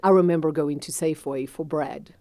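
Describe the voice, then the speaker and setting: A South African business owner in her forties, whose first language is Afrikaans, shares her personal story in an interview. Her low, mellow voice holds a steady tone; she is reflective, laughs easily, and uses fillers. The recording is close and dry with no room sound.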